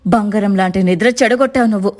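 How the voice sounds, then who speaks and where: A woman voicing a sharp-tongued older mother-in-law in a cartoon story, talking gruffly and dismissively. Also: mid-range voice, fast talker, pitched below the performer's own voice, close to an everyday voice. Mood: scoffing. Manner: gruff, scoffing.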